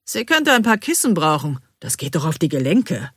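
A woman voicing a gruff, grumpy middle-aged male delivery man who grumbles bluntly, in a dry, close audiobook recording. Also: sits low, big pitch swings, normal speed, no room sound, full character voice. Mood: grumbling.

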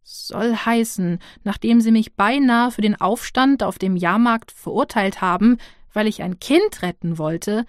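A nervous young witch, voiced by a woman in an audiobook, hesitant and stammering, her words slowed. The read is dry and close, with a middling pitch. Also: no room sound, lightly acted.

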